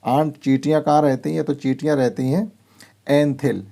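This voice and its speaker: Gravelly, dark-voiced teacher. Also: male voice, fairly high pitch, fairly even intonation. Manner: explains English words in Hindi, slow deliberate reading of English sentences. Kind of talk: workbook lesson explanation.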